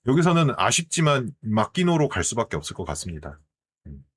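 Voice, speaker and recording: A man streaming, chatting casually in an animated way and often asking his viewers questions. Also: medium pitch, fairly quick, slightly rough. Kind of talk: casual commentary.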